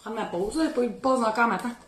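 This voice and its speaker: A woman from Beauce, Quebec, with a Beauce Québécois French accent, hosts a casual cooking video in her home kitchen. Her voice is a little high and very fast, in an echoey room, as she chats colloquially and thinks aloud while she works.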